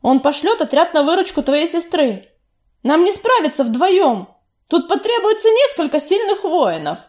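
A woman's voice: very high voice, sing-song, darkish tone, voice pushed up. A woman doing a firm cautious tom-cat warrior. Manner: firm, measured, at times snapping.

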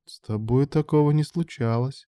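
A man reading aloud and voicing a scheming woman madam in an audiobook, with a coaxing manner that turns to shrill exclamations. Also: normal speed, warm tone, clean tone, dry recording, studio quality, natural voice. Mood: sly. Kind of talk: audiobook dialogue.

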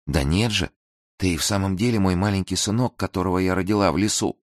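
A man's voice: low-pitched, fast, no room sound, studio quality, pitched above the performer's own voice, natural voice. A man voicing a ragged, grieving mother who pleads tearfully with her son in a storybook tale. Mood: pleading.

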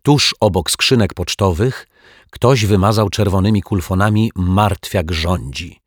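Low, husky man reading a children's story. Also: moderate pace, no echo, clean studio sound. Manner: steady, gently expressive reading. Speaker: narrator.

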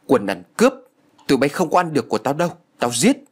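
A man's voice: medium pitch, big pitch swings, fast, breathy edge. A man playing a greedy, cunning older woman who screeches accusations in a storybook reading. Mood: furious shrieking. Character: greedy shrewish older woman, shrill, furious.

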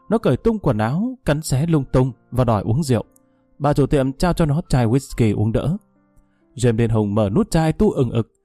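Mellow male storyteller. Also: mid-range voice, no echo. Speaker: narrator. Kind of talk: scripted story narration.

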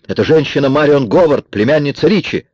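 A man voicing a desperate, fierce young woman holding a gun, raising his voice to a shrill, shouting pitch. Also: sing-song, a little slow, dry recording. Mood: furious. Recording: dry, dull lo-fi recording.

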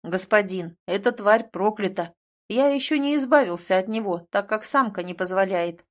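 A woman reading the part of a wary male beast seller, speaking slowly and gravely in a lowered voice. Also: expressive, close to an everyday voice. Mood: warning.

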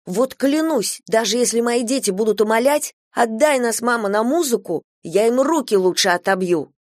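A woman reading a story aloud, voicing a stubborn young girl who shouts back indignantly. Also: on the high side, lively intonation, moderate pace, dry recording, clean studio sound, voice pushed up, close to an everyday voice. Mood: vowing.

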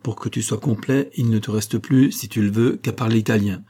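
Man reading a jovial stage singer, husky low voice, expansive, commanding, dark tone. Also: steady tone, a little fast. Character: jovial theatrical male opera singer friend.

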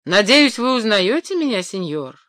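A woman's voice: mid-range voice, big pitch swings, moderate pace, a bit bright, no room sound, pitched above the performer's own voice. Storybook boiling water, mocking and vengeful, read by a woman; dry sound. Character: boiling angry water spirit, female.

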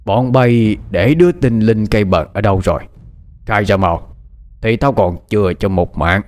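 A man with a lowish, somewhat dark voice reads an audiobook story in the role of a cruel, gloating middle-aged villain from a martial sect. He mocks his captives with laughter and smug self-satisfaction. The acting is light and the pace moderate.

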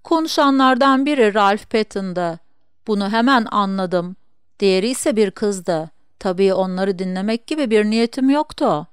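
A woman's voice: medium pitch, moderate pace, smooth, dry recording, studio quality, natural voice. A woman voicing a gossipy, proud middle-aged sister in an audiobook reading, with eager, insistent chatter.

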